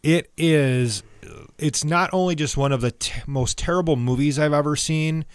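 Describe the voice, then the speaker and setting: A man's voice: fairly high pitch, moderate pace, clear, resonant tone, no echo, clean studio sound. A man co-hosting a film podcast, chatting casually and rambling through anecdotes with easy laughs. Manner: rambling, laughs at own stories. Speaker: podcast co-host.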